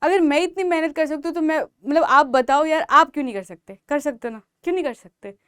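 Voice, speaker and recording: High-voiced Indian woman teaching emphatically. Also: a little fast, dry recording, studio quality. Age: young adult. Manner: emphatic, repetitive, motivational, calls out loudly to students. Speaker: biology teacher. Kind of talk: exam-prep lecture in Hindi mixed with English.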